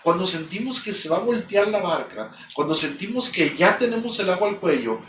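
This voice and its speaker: A man's voice: sits high, animated, a little fast, pushed and bright. A man with a Mexican accent preaching a sermon in a church, emphatic and repeating key phrases. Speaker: pastor. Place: church sanctuary. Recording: echoey church, distant mic, faint background hum.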